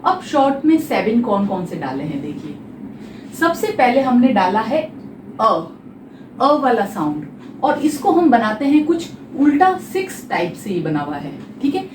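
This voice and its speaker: A woman's voice: on the high side, sing-song, normal speed, darkish tone, slight background noise. A woman teaching a phonetics lesson for exam preparation, explaining step by step and asking her students rhetorical questions. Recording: echoey room, voice a little far from the mic.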